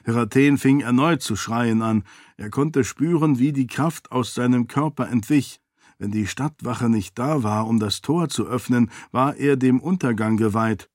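A man reading a fantasy novel aloud in measured, even storytelling narration. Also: mid-range voice, no room sound, studio quality. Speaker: audiobook narrator. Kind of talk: scripted narration.

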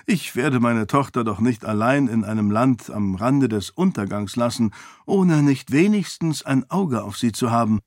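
A man's voice: medium pitch, expressive, normal speed, no echo, natural voice. A man voicing a wry, teasing old king. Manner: dry, gently teasing. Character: wry, fond older king and father. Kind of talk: audiobook character voice.

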